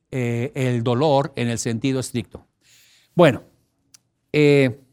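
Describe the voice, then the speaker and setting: A middle-aged man giving an expressive teleseminar talk, emphatic and repetitive, breaking into sudden loud cries to illustrate a point. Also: medium pitch. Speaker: personal development teleseminar speaker.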